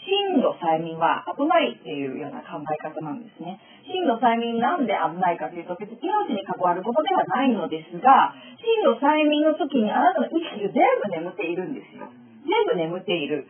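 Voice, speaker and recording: Animated woman teacher, tinny phone-like sound. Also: mid-range voice, brisk. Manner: animated, explains with acted-out examples. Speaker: teacher of a spiritual school. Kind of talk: spoken lecture to students.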